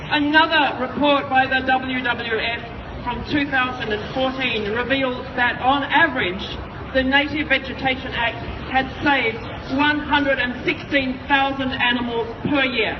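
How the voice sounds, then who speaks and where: A woman's voice: sits high, fairly even intonation, a little slow. A woman giving a protest speech as an urgent activist, repeating phrases for emphasis. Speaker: wildlife volunteer group representative, protest speaker. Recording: echoey distant outdoor PA, crowd, traffic noise, muffled.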